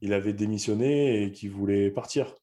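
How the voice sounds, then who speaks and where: Young rugby guy talking low and mellow, stops and restarts a lot, pretty candid. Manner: candid, halting, many restarts. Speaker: rugby player guest. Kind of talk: casual podcast chat.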